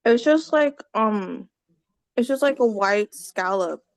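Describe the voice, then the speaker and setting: A woman's voice: fairly high pitch, expressive, slow pace, no room sound. Woman on a video call, dry close sound, keeps hunting for words, lots of um and like. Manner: rambling, searching for words, many fillers. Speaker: gathering co-host. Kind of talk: casual group chat on a video call.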